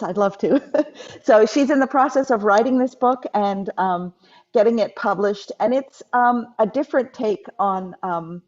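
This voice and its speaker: A woman's voice: lowish voice, a little mellow. A woman host introducing a guest over a video call, rambling with many fillers. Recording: dull video call audio.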